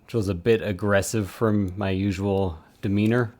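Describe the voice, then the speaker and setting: A man's voice: fairly low pitch, steady tone, normal speed, a little mellow. A man chatting casually on a live stream while he works, rambling with self-mocking asides. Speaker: streamer supporting 3D print models.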